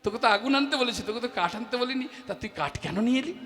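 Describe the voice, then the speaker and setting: A man voicing an elderly guru who speaks softly and coaxingly, teasing his disciple with affection. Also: very high voice, expressive, fast, exaggerated voice. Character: elderly male saint-guru, gently teasing. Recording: echoey hall with faint music.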